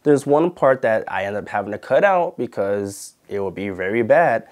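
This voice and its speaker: Lower-voiced young man venting casually. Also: lively intonation, normal speed, a little mellow. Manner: indignant, heavy with fillers like "you know" and "like". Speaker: channel host and former videographer. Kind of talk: casual storytime monologue.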